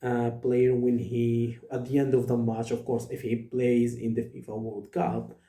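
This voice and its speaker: A man from Morocco, speaking as an in an earnest vlog monologue, pausing often with fillers. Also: mid-range voice, monotone, mellow, roomy sound. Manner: earnest, many hesitations and fillers. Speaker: vlogger. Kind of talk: direct-to-camera monologue.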